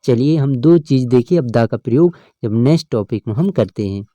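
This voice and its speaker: Man teaching grammar, deep warm voice, keeps saying ok right, dry close recording. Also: lively intonation, a little fast, no room sound. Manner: explains step by step, often adds "ठीक है ना". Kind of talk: exam-prep lesson.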